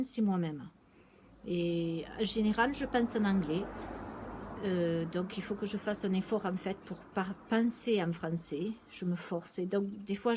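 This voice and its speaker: A woman's voice: medium pitch, a little mellow, breathy edge. A woman from South-West France talking in a casual vlog monologue, hesitant and thinking aloud as she restarts her sentences. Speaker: vlogger.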